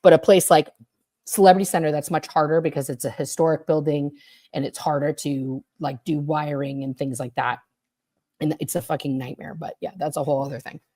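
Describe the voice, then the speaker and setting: A woman with a somewhat low voice talks over a computer mic on a video call. She tells her story in a lively, casual way, full of fillers and the odd curse. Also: brisk. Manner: animated storyteller, frequent fillers and swearing. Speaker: guest, former member recounting experiences.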